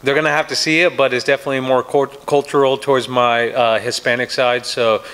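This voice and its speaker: An American professional fighter fields reporters' questions at a press day, sounding confident and trash-talking while constantly restarting sentences and saying "you know." His mid-range voice is smooth and fairly bright, level in tone and fairly quick.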